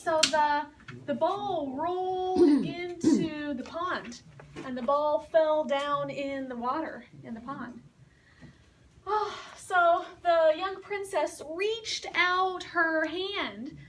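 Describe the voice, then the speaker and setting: Brief: patient woman teacher, high voice, very slow pace, mic set back with a faint hiss. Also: far from the mic. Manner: patient, repeats and explains words. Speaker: English teacher telling a story. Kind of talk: slow story retelling with word explanations.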